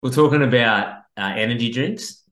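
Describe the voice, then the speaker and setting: A man's voice: mid-range voice, moderate pace, fairly bright tone. An Australian man hosting a podcast in casual chat, with a laid-back, understated way of talking. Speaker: podcast host. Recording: roomy, echoey sound.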